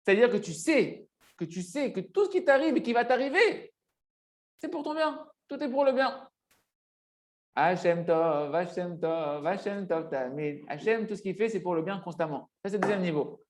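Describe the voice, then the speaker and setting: High-voiced man teaching a religious lesson. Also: big pitch swings, a little fast. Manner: didactic, emphatic, repeats phrases and checks understanding.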